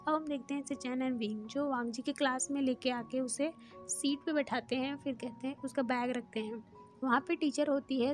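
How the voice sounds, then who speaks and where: High-voiced woman narrating a story. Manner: steady, plain retelling. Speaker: fan fiction narrator. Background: soft background music.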